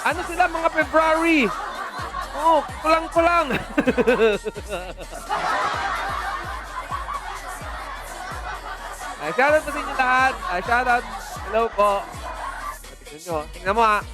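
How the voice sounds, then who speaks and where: A woman's voice: high voice, moderate pace, over a noisy crowd. A woman hosting a livestream game commentary, playful and teasing, laughing often. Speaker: esports stream host. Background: background music.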